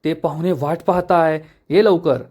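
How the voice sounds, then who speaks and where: A man's voice: on the high side, normal speed, a little mellow, close to an everyday voice. A man voicing a fussy, worried aunt who frets over a missing girl. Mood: fretting. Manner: exasperated, fretting.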